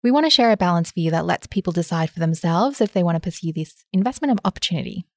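A sweet-voiced woman co-hosts a casual investing podcast. Her pitch sits a little low, and the sound is close and dry. She talks in a chatty, plain way. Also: animated, fast, a little mellow, no room sound. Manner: chatty, laughs easily, plain explainer. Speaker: podcast co-host.

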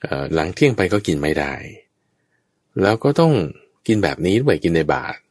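A man's voice: low voice, very animated, brisk, a little mellow, no room sound, studio quality. A man teaching Buddhist Dharma in a conversational way, explaining patiently and checking that his listener understands.

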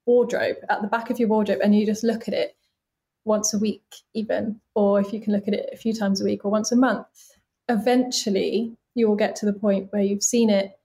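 A young woman in her late twenties chats openly and earnestly as an interview guest. She talks at an easy, unhurried pitch for her age, peppering her speech with "like" fillers. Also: level tone, mellow. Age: late 20s. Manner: chatty, open and earnest, many "like" fillers. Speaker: body casting artist, guest. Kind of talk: casual interview conversation.

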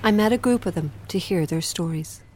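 A woman's voice: on the low side, brisk, mellow, a little hiss or hum. A woman presenting scripted documentary narration in an earnest, emphatic manner.

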